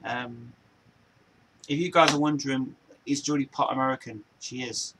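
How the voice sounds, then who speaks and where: Medium in pitch with fairly even intonation and a moderate pace, this Englishman in his 40s hosts an informal home chat show against a noisy background. His meandering talk loops around, repeats itself and frequently restarts.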